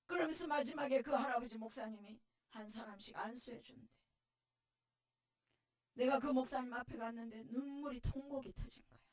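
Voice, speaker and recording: A middle-aged woman pastor with a Gyeongsang accent gives a tearful testimony sermon, often breaking into shouts. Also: fairly high pitch, normal speed. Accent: Gyeongsang dialect. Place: church sanctuary. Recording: voice distant from the mic.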